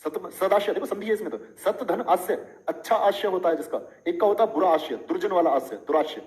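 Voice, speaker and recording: A man's voice: sits high, lively intonation, a little fast, a little mellow, low-quality recording. A middle-aged man teaching a live online Hindi lesson, chatty, explaining with playful examples and questions to his students.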